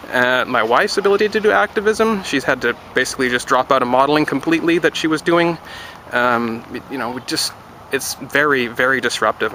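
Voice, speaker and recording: A man speaks in a casual vlog, rambling and wry as he talks straight to the camera. His voice is bright and forward at a middling pitch. Faint street noise sits behind him outdoors. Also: rough recording. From Canada. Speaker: vlogger. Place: outdoors near a road construction site.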